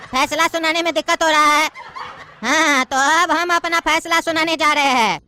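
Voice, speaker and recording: A woman's voice: high-pitched, bright, forceful tone. A woman voicing a pompous old male judge near retirement in a cartoon comedy, speaking in a bossy, mocking, lecturing way.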